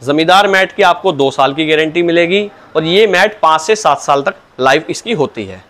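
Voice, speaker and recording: A man's voice: fairly high pitch, lively intonation, normal speed, fairly bright tone. A man explaining his products in an interview, patient and salesman-like, starting his answers with a polite "sir, look". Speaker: cow mat dealer.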